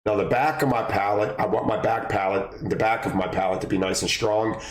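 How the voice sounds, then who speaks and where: A man hosting a casual how-to vlog about warehouse order picking, his voice a bit raspy this morning, chatty and addressing viewers as guys. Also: on the low side, steady tone, fairly quick. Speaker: warehouse order-picking instructor and channel host. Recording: roomy echo.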